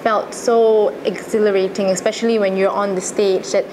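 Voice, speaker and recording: A young adult woman with a Malaysian accent recalls her experiences in a casual interview, earnest and chatty. Her voice is medium-pitched and flat, at a moderate pace. Noticeable background noise and ambience can be heard.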